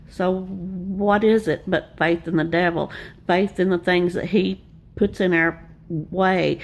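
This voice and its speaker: Earnest older woman, gravelly. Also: fairly low pitch. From Arkansas, US. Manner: earnest, homespun storytelling with repeated refrains. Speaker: Bible teacher. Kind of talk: devotional sermon.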